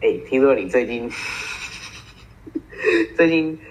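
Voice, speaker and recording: A man's voice: medium pitch, huge pitch swings, takes it slowly. A teenage boy from Taiwan, co-hosting a casual podcast, telling stories and teasing his friend. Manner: storytelling, teasing. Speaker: podcast co-host. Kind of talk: casual chat. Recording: muffled single-track home recording.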